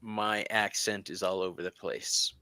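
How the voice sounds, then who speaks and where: A man's voice: lowish voice, flat delivery, a little slow, pushed and bright, smooth, dry recording. A man hosting a casual tarot reading stream, bantering in a giggly, self-mocking way. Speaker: tarot reader and stream host.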